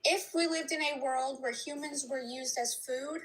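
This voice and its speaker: A young woman calling into a livestream, arguing her point in a measured, calm way. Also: high voice, poor audio. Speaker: caller on a livestream. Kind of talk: debate with a livestream host.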